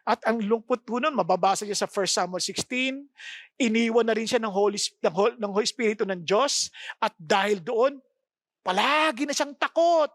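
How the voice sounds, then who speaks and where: A woman preacher giving an expressive sermon and often asking her listeners questions. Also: fairly high pitch, normal speed, dry recording, studio quality. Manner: expressive, asks the congregation repeated questions.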